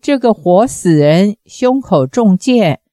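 A woman voicing a short, stout male doctor who is cold and quick-tempered, answering in curt retorts in a slow, dark-toned storybook reading. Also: medium pitch, lively intonation, dry recording, studio quality.

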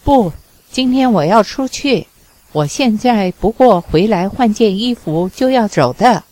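A woman reading the lines of a smooth-talking bachelor on the phone, coaxing and then firm. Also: medium pitch, animated, a little slow, mellow, natural voice.

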